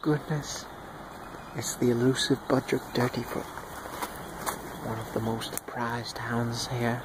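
A man narrating a home video in a hushed, mock-solemn wildlife documentary manner, outdoors in a yard. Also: medium pitch, steady tone, slow. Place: outdoors in a yard with chickens and dogs. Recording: outdoor noise with bird calls.

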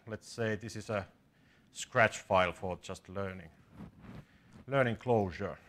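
A man in his forties from Finland, speaking with a Finnish accent in a lowish voice, teaches programming at a conference through a relaxed, matter-of-fact live coding session. The audience sits in a small seminar room, and a slight hiss or hum runs under the recording.

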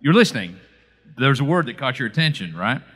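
A man's voice: mid-range voice, expressive, fast talker, bright, forceful tone, husky. A man emceeing a church banquet, introducing a video and drawing the audience in with questions. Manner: friendly, engaging the audience with questions. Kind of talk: introducing a segment.

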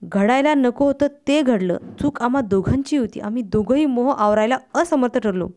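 A blunt, carefree man tells hard things in an even, unhurried tone, voiced by a woman reading a story aloud. The voice stays smooth and clear, pitched a little high. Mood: calm, matter-of-fact. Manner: calm, level, unhurried. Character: calm blunt carefree male friend.

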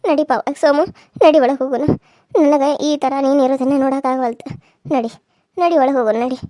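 A woman voicing an older village mother in a cartoon serial, consoling her son gently in North Karnataka Kannada. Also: high-pitched, brisk, no echo, clean studio sound, voice pushed down, lightly acted. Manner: soothing, motherly.

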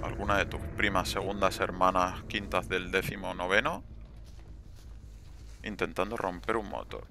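A man's voice: low-pitched, moderate pace, gravelly, sharp tone, slight background noise. A young man commenting live on his gameplay, swearing and taunting the other players.

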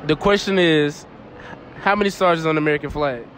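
Speaking briskly in a somewhat bright, fairly high voice, a young street interviewer questions passersby at a shopping mall, echoing their replies and laughing frequently. The handheld phone recording is rough, with a little hiss or hum.

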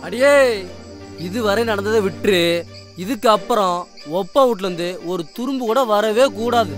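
A man's voice: sits high, a little slow. A man playing a quarrelsome drunken village husband, taunting and argumentative. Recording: film dialogue under loud music.

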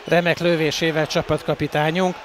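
A man with a Hungarian accent giving excited, partisan live football commentary for the home team. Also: on the high side. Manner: excited, partisan sports commentary, bursting into shouts at chances and goals. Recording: clear outdoor stadium noise behind.

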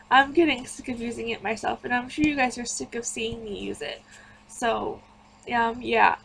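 A woman's voice: fairly high pitch, steady tone, moderate pace, vocal fry, a bit bright, husky, low-quality recording. A woman giving casual, rambling voice-over commentary on a home-building game. She sounds tired and chatty, drifting from one thought to the next. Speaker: gaming YouTuber.

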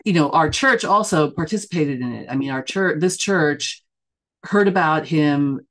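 A woman's voice: low-pitched, moderate pace. Thoughtful middle-aged woman, chatty interview. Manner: thoughtful, with many fillers and self-corrections. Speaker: church member and news editor being interviewed. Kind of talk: casual conversational interview.

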